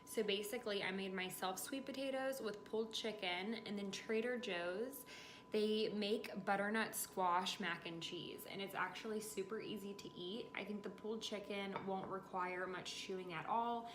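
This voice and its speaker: A woman vlogger in her twenties chats casually to camera in her home kitchen, explaining things step by step while a little tired from recovering after dental surgery. Her voice is medium-pitched with fairly even intonation at a normal speed. A camera or phone a short distance away picks her up in the echoey kitchen, with clear background noise.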